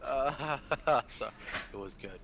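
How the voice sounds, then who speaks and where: A man bantering on a stream with a crude, joking, laid-back manner. His voice is bright and sharp at an average pitch. A faint hiss sits behind him. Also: slow pace, vocal fry. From Canada. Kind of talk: casual stream chat.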